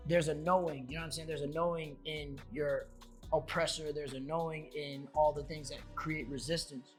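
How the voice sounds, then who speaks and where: A man's voice: fairly high pitch, level tone, moderate pace, faint music behind. A young man from Long Beach, California, a rapper guest in a casual interview, earnest and rambling, often saying "you know what I'm saying".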